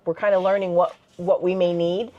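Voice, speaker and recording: A woman co-hosting a travel vlog, recapping the trip in a relaxed, chatty way. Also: fairly low pitch, a little fast, dull audio. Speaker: vlog co-host. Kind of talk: casual sit-down recap chat.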